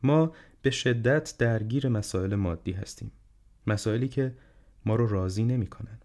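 A man voicing a gentle, wise, ailing old male professor in an audiobook, speaking calmly and reflectively. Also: fairly low pitch, lightly acted. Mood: earnest. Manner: calm, reflective, unhurried counsel. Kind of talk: audiobook character reading.

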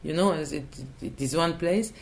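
Speaking at a normal speed in a low, creaky voice, an Israeli woman answers thoughtfully as an interview guest. She hesitates and restarts as she searches for words.

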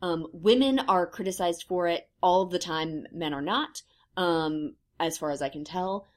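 Here's an unhurried woman in her thirties co-hosting a podcast. Her lower-pitched voice slides into vocal fry, and she chats casually, pausing thoughtfully with many ums.

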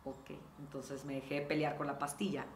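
A middle-aged Mexican woman talking casually in an interview, animated and acting out quoted dialogue. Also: deep voice, moderate pace, echoey room, slight background noise. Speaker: guest.

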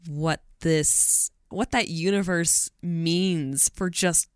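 Podcast co-host, mid pitch, dry close sound, relaxed casual chatter full of fillers. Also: takes it slowly, clean tone, dry recording. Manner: relaxed, lots of "like" and "sort of thing". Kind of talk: casual chat.

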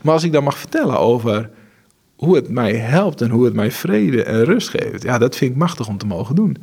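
A man with a husky, slightly rough voice speaks at a middle pitch. He tells earnest, faith-driven stories in an interview, often restarting his sentences. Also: big pitch swings, normal speed, darkish tone. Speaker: charity director. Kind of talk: conversational interview.

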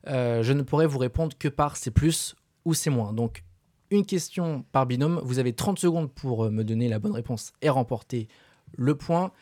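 A man's voice: medium pitch, normal speed, dark tone, dry recording, clean studio sound. Man hosting a friendly news quiz. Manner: reads questions, then chats and teases. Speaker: quiz host.

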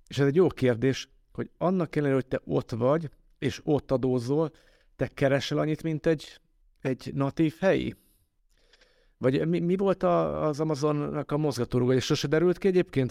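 A man's voice: a little high, creaky, darkish tone, dry recording, studio quality. A man hosting a casual interview, thoughtfully building long questions step by step. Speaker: podcast interviewer, host.

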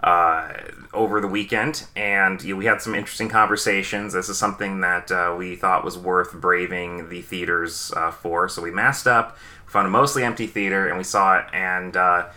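Low-voiced bright man hosting a podcast. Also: steady tone, normal speed. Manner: rambling with many fillers. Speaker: podcast host. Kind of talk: casual podcast chat.

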